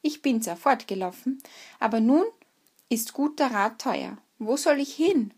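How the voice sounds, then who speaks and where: A woman's voice: fairly high pitch, expressive, a little slow, darkish tone, slightly rough, voice pushed up, heavily acted. A woman voicing an aging, gloomy male cat who wails about his troubles, in a spoken fairy tale. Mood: wailing. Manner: wailing, self-pitying.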